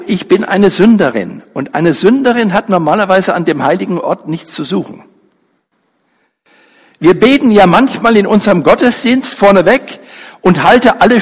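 Husky guy preaching slow in a church hall, voice swings up and down a lot, long echo. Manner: dramatic storytelling, acting out voices; slow, pausing delivery with wide pitch swings. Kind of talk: sermon.

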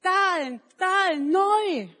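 A woman voicing a simple-minded young man with a child's mind, speaking in halting broken words. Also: very high voice, animated, pushed and bright, pitched above the performer's own voice, heavily acted. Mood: excited. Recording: echoey hall.

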